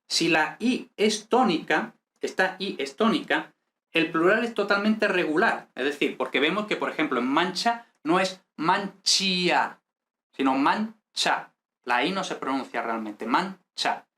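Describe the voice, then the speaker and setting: A man's voice: on the high side, animated, normal speed, bright, forceful tone. Patient Spanish-speaking grammar teacher, man. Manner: patient, repeats "¿vale?" to check understanding. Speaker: language teacher. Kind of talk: explaining grammar in a video class.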